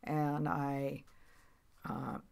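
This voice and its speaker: A woman in her eighties, a veteran commercial fisher, tells her story in a casual interview, rambling matter-of-factly and restarting often. Her very deep voice is steady, smooth, and a little mellow, with vocal fry and an extremely slow pace.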